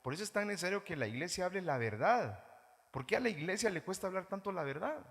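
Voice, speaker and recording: A man with a Guatemalan Spanish accent preaching a sermon as pastor, animated, mimicking churchgoers in mocking voices. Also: high-pitched, fast. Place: church hall. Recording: reverberant church hall.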